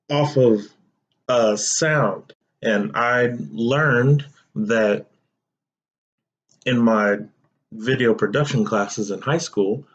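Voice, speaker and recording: A young man with a medium-pitched voice hosts a solo podcast, talking slowly in a drawn-out, relaxed, chatty way and repeatedly speaking straight to his listeners. The audio sounds a little dull and muffled.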